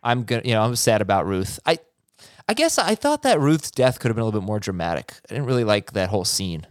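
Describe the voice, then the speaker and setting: A man's voice: lowish voice, big pitch swings, fast talker, no room sound, studio quality. A man with an American accent hosting a podcast, chatting informally and giving his opinions on a TV show. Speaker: podcast host. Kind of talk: casual chat, TV show discussion.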